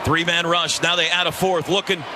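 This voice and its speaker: A man's voice: high voice, normal speed. A man doing live radio football play-by-play as a sports announcer, speaking in clipped, classic broadcast phrases. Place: stadium broadcast booth. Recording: loud stadium crowd and noise behind.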